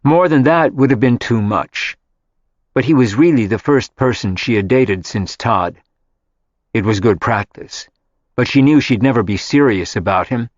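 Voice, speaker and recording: A man reads a novel aloud in a steady, even storytelling voice. The sound is dry and close, with a slightly muffled, lo-fi quality. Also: mid-range voice, moderate pace, no echo. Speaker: audiobook narrator. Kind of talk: scripted narration.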